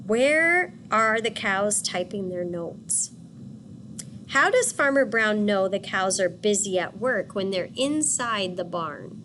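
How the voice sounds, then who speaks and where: A woman teacher reading a picture book aloud and pausing to ask children questions. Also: medium pitch, animated, fairly bright tone, slight background noise. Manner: patient, asks questions for children.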